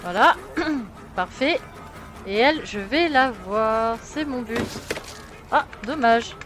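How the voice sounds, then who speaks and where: A woman's voice: fairly high pitch, animated, takes it slowly. A young French woman with a French accent, chatting and muttering to herself as she streams a game. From France. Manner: chatty, self-mocking, muttering to herself while playing. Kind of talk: casual gameplay commentary. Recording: game music playing behind.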